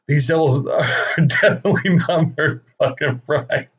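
A man's voice: fairly high pitch, normal speed, slightly rough. Profane jokey young man telling stories. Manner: profane, jokey asides, frequent laughs. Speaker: podcast host. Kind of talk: casual comedic storytelling. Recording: dull lo-fi recording with faint noise.

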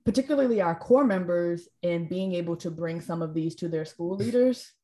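A woman's voice: on the low side, moderate pace, warm tone. Reflective woman podcast host. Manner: conversational, reflective, affirming. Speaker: host, teacher coach. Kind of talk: casual conversation.

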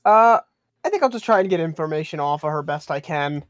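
A tabletop game player speaking hesitantly, with halting restarts and fillers. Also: mid-range voice, animated, dry recording, clean studio sound.

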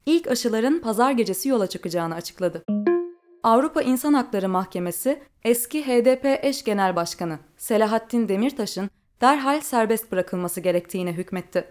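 Higher-voiced woman reading the news. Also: a little mellow. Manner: clear, measured newsreader delivery. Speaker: news podcast host. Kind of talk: scripted news bulletin reading.

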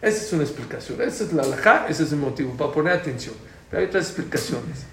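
A man's voice: on the high side, fast talker. A man teaching a prayer class, explaining points and quizzing his students. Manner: lively, asks the class questions, repeats key points loudly. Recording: echoey room, faint background noise.

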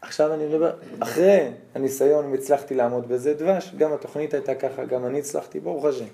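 A rabbi giving a religious lesson, telling stories and checking in with his listeners in an animated way. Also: a little high, creaky, slight background noise.

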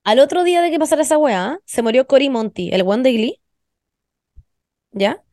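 A young adult woman with a Chilean accent hosting a podcast, telling stories in animated slangy casual chat with plenty of swearing. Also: sits high, moderate pace, dry recording, clean studio sound. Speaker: podcast host.

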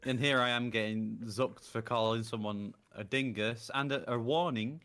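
A man's voice: medium pitch, fairly even intonation, moderate pace, fairly bright tone. A man co-hosting a casual podcast, trading playful jokes and banter. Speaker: podcast co-host. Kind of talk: casual chat.

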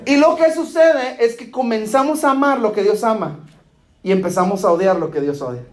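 A man with a high-pitched, darkish voice preaches a sermon at a moderate pace. Again and again he asks the congregation "¿Está conmigo?" and he humorously performs small dialogues. The church hall where he speaks is full of echo.

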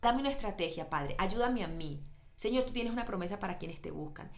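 A woman's voice: medium pitch, animated, a little fast, vocal fry. A woman preaching a sermon, building emphasis through repeated phrases and asking and answering her own questions.

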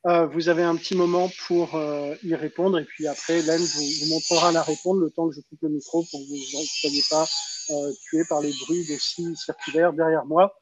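A man's voice: fairly high pitch, level tone, moderate pace. A man hosting a casual live stream, chatty and stumbling over restarts while greeting viewers.

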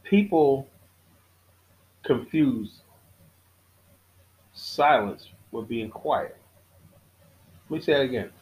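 A middle-aged man hosts his own podcast, delivering a casual yet preachy monologue in which he repeats key lines for emphasis and frequently halts and restarts. His voice is medium-pitched with a darkish tone, and the recording quality is low.

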